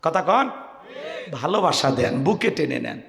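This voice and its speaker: High, booming preacher man, echoing. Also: very animated, unhurried, creaky. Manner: calls out to the crowd for answers and repeats questions; bursts into shouting, folksy and joking. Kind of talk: Bengali waz sermon. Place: religious gathering with a crowd.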